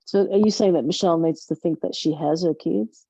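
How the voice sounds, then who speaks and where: Woman group member, very low gravelly dark voice, slightly dull sound, probing. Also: brisk, dry recording. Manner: questioning, challenging. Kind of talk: casual group chat.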